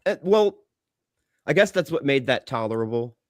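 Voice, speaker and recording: A man co-hosts a podcast with casual, opinionated banter, blunt and swearing freely, acting out his own reactions as quotes. His mid-range voice has lively intonation and a normal pace, captured clean in a studio with no room sound.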